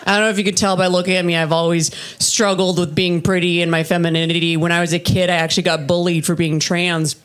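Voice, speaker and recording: On a comedy festival stage, a stand-up comedian in her thirties performs live in a low, husky voice. Her set is deadpan and self-deprecating, delivered in a steady, unhurried tone.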